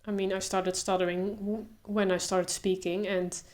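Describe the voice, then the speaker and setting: Speaking casually to her camera, this young woman video creator stutters without hiding it, with repeated sounds and pauses. Her voice sits in the mid range, and her delivery gradually becomes slow and relaxed.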